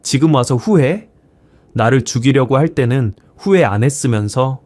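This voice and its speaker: A man's voice: mid-range voice, lively intonation, moderate pace, no room sound, close to an everyday voice. An outraged old grandfather, as a male narrator puts him on, scolding in a raised voice. His tone stays dry and close, with nothing around it. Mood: enraged. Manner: shouting, scolding. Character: furious elderly retired teacher grandfather.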